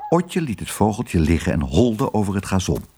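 A man reads a storybook aloud. His voice is husky and swings widely in pitch as he reads. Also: moderate pace. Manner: lively, expressive reading. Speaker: narrator. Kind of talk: storybook narration.

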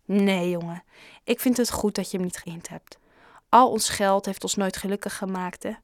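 Woman doing a gentle bankrupt storybook dad. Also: mid-range voice, moderate pace, dry recording, studio quality, close to an everyday voice. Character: rich bankrupt father, kind and softhearted. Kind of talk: storybook reading.

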